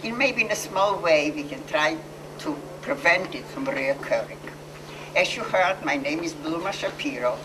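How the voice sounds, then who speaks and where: An older Polish woman with a Polish accent gives an earnest personal testimony to an audience as a Holocaust survivor speaker. Her low voice has lively intonation, but she halts, restarts and often corrects herself mid-sentence. She sits far from the mic, with background noise.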